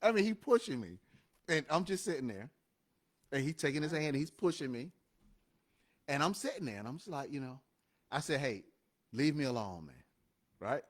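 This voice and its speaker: A man co-hosting a live show, telling stories in an animated, emphatic, motivational way. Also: fairly high pitch, moderate pace, pauses often. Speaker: co-host of a live show and podcast. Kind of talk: motivational casual talk.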